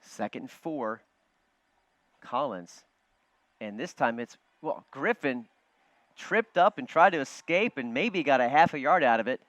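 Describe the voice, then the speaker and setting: A man calling live football play-by-play from a broadcast booth, quick and chatty, joking with his partner. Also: medium pitch, animated, fairly bright tone, no room sound. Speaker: play-by-play announcer. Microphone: broadcast booth headset. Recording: dull, muffled broadcast audio.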